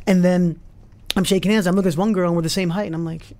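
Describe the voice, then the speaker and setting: A man's voice: high voice, fairly even intonation, mellow. A man hosting a talk show, chatting casually and telling stories with enthusiasm. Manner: fast, enthusiastic storytelling. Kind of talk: casual interview chat.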